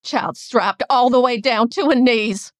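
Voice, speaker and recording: A woman's voice: a little high, measured pace, no room sound, clean studio sound, pitched above the performer's own voice, close to an everyday voice. A woman reading the part of a tough, protective middle-aged aunt with a blunt, drawling manner. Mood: grim.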